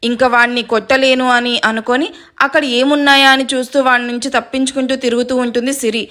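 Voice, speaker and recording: A woman narrating a dramatic story in a steady storytelling manner. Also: sits high, fast talker.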